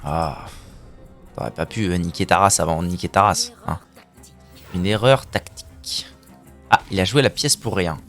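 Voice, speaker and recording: A man's voice: low-pitched, moderate pace, pauses often, a bit bright, soft background music. A man streaming a card game live, narrating his plays with playful, crude trash talk and silly mouth sound effects. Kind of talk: live gameplay commentary.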